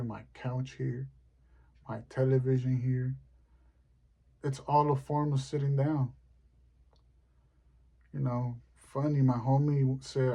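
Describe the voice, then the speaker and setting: Guy doing deadpan standup, kinda rambly, warm mellow voice. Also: medium pitch. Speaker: stand-up comedian. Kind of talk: stand-up comedy monologue.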